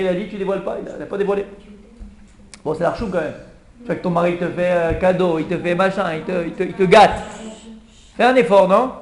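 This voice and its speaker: A rabbi with a high voice tells the story to a small class in a lively way and plays out the king's pleading. The room rings with echo, and a faint hum runs underneath. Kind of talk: Purim Torah class.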